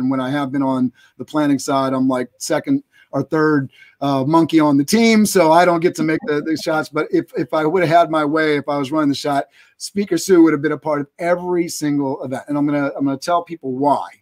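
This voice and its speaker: A man in his thirties hosts a live interview show on a video call. His voice is a bit higher than most men's, and he talks as the presenter. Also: steady tone, a little fast. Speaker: host of a business show.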